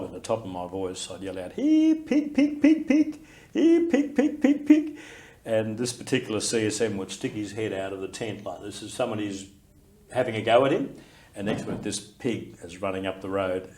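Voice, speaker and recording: An Australian man in his sixties, a war veteran recalling his service in an oral history interview, reflective and full of fillers and restarts. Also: on the low side.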